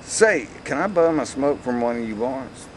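A man's voice: medium pitch, animated, normal speed, a little hiss or hum, pitched above the performer's own voice, natural voice, poor audio. A man voicing an older ranch father giving orders to his sons, reading a comic script. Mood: commanding.

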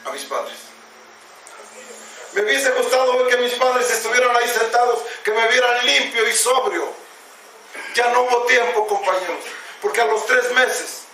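A man's voice: high voice, sharp tone, distant mic, a little hiss or hum. A man with a Mexican Spanish accent giving a raw, impassioned personal testimony at a recovery meeting, swearing heavily and calling his listeners companions. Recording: echoey hall recorded from afar.

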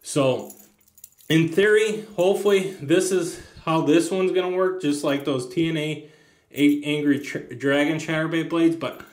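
A man's voice: a little high, fairly even intonation, measured pace. A man casually showing fishing lures at a table, rambling with lots of ums and restarts. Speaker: fishing channel host. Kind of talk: casual tabletop lure demo. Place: indoors at a tabletop, hands on camera. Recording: echoey room.

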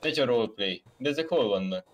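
A man chatting with his fellow players during a role-play game, making blunt, quick remarks. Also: medium pitch, expressive. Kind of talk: game voice chat.

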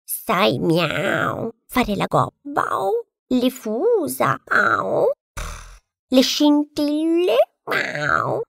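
A woman's voice: fairly high pitch, wildly swooping pitch, drawn-out words, creaky, a bit bright, dry recording, clean studio sound, pitched above the performer's own voice, heavily acted. A woman doing a smug meowing cat. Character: smug purring cat who meows mid-sentence.

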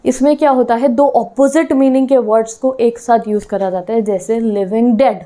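A woman teaching a class in a fairly high, warm and mellow voice. She slips English terms into her explanations and keeps asking her students questions. She checks again and again that they are keeping up. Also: steady tone, moderate pace. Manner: keeps checking in with "theek hai".

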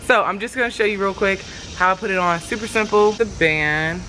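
Chatty, bright-voiced young woman vlogger. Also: mid-range voice, a little fast, a little hiss or hum, rough recording. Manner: chatty and slangy, addressing viewers directly. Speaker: vlogger reviewing a fitness product. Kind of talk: casual product-review vlog.

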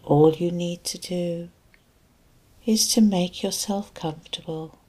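With a lowish voice and fairly even intonation, a woman hypnotherapist narrates guided relaxation and sleep hypnosis. She sounds soft, breathy and calming, speaking deliberately and leaving long gaps between phrases.

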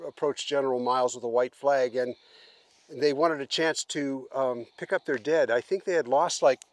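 A man's voice: medium pitch, no room sound. A man in his sixties explains a historic site while walking outdoors, talking casually with many fillers, filming himself at arm's length. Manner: relaxed, halting with fillers. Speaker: travel vlogger. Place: open prairie outdoors. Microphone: camera held at arm's length.

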